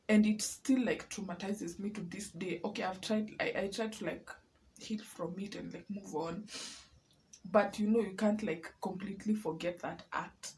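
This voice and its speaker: A woman's voice: mid-range voice, darkish tone, slight background noise, rough recording. A young woman with a Kenyan accent, speaking in an upset personal vlog, often saying "like" and slipping into Swahili. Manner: upset, fills speech with "like", switches into Swahili. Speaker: vlogger. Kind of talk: emotional personal vlog rant.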